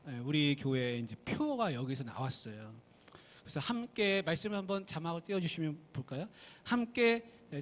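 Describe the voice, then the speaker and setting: A male pastor preaching a sermon in a plain, talky way. He keeps asking the congregation questions and uses a lot of fillers. His voice sits a little high for a man.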